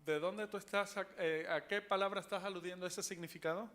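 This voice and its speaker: A man teaching a Bible study class, talking haltingly with many fillers and restarts and asking the class questions. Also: high-pitched, steady tone, fairly bright tone.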